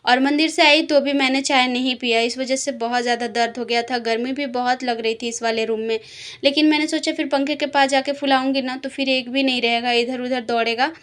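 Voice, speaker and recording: A woman's voice: high-pitched, fairly even intonation, a little fast, fairly bright tone. A young woman, a mother, telling her vlog story in a chatty, rambling voice-over full of fillers, tired from a headache. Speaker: vlogger, mother. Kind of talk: casual voice-over narration.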